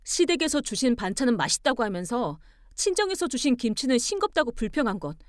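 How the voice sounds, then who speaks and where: A woman voicing a composed young wife who argues back calmly and pointedly. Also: on the high side, fast talker, no echo, studio quality. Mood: cool firm. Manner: calm, pointed, arguing with cool logic.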